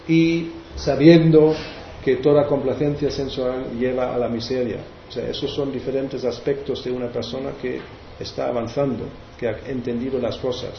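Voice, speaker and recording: A man's voice: mid-range voice, a little hiss or hum. A man leading a devotional class, explaining verses in a hesitant way with many restarts. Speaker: spiritual teacher. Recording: roomy, dull recording.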